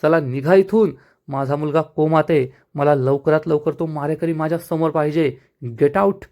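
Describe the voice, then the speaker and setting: A man performs an enraged, powerful father in a retold television drama, barking orders and scolding the police. He shouts at full force, and his voice sits fairly high. It is told as spoken storytelling. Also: fairly quick, close to an everyday voice. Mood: furious. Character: furious powerful rich father, commanding.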